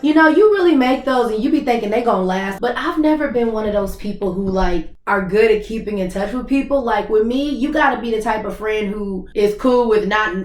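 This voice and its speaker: A woman with a slightly wheezy voice gives casual, playful, slangy and expressive movie reaction commentary as host of her channel. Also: a little high, a little fast, hardly any pauses, echoey room. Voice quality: slightly wheezy voice after a recent cough.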